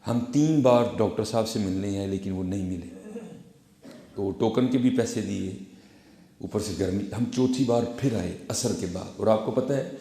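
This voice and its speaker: A man preaching a story sermon, turning from hushed asides to loud exhortation and addressing his listeners respectfully. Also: lowish voice. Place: Friday gathering in a large echoing room. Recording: very echoey room.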